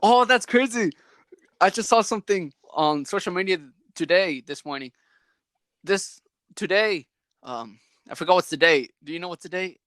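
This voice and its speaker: A man's voice: high-pitched, normal speed, a bit bright, no room sound. A young man hosting a podcast over a video call, chatting casually and rambling animatedly with lots of "like" fillers. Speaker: podcast host. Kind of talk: casual chat.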